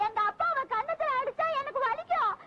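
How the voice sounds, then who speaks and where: Whiny childish daughter, very high voice, noisy muffled film sound. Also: female voice, fairly quick. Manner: whiny, weepy. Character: clingy childlike daughter of a rich old man. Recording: dull old film audio with loud noise.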